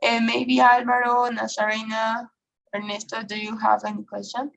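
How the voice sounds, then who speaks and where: A woman's voice: fairly high pitch, level tone, moderate pace, creaky, fairly bright tone, lo-fi sound. A woman teaching an English grammar class online, often checking in with "okay?" and "right?". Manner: frequent checking questions, filler okay and right.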